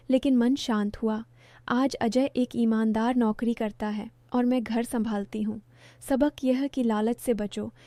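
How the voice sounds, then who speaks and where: Mellow, fairly high-voiced woman storyteller. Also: no room sound. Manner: calm, measured, reflective. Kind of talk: scripted first-person story narration.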